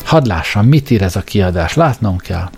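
A frantic, disbelieving grown man, as a male storyteller puts him on, his voice jumping up high when he protests. He talks in shocked, exclaiming bursts. A soft bed of music plays under the storybook reading. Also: animated. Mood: agitated. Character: panicky bewildered Englishman, adult man.

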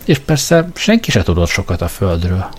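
A man's voice: low-pitched, very animated, faint music behind. A man voicing a worldly, matter-of-fact adult space traveller who speaks offhandedly. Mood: offhand.

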